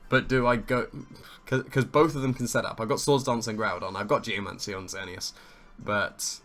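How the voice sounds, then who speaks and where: With soft music in the background, a man with a croaky, slightly hoarse voice casually calls his own competitive match, reasoning aloud, weighing choices and amused by his plays. He speaks at normal speed in a steady, fairly low, slightly bright voice.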